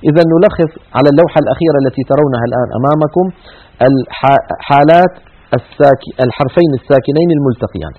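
Man explaining grammar on a televised lesson, brisk, narrow tinny audio. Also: medium pitch, slightly rough. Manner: explains slowly, reads examples aloud with emphasis, repeats points. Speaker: teacher. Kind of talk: Quranic Arabic grammar lesson. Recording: tinny phone-like broadcast sound.

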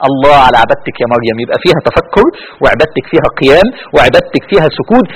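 A man with an Egyptian Arabic accent giving a religious lecture to young women, swinging between loud urging and hushed pleading. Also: medium pitch, expressive, very fast, husky, low-quality recording. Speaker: preacher.

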